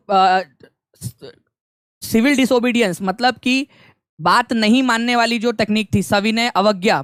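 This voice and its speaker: A man's voice: sits high, no echo, studio quality. A young man teaching an online exam-prep lecture in a conversational way, repeating key points and mixing in English phrases.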